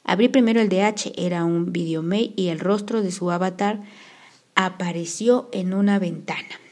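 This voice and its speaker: A woman narrating an audiobook in the first person with even, measured storytelling. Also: lowish voice.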